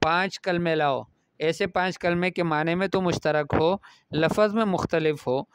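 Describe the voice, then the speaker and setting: A man's voice: on the high side, steady tone, clean tone, no room sound. A man teaching a lesson, reading Arabic phrases aloud and explaining each one. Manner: reads Arabic phrases then explains them. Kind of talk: classroom lesson explaining Arabic pronunciation in Urdu.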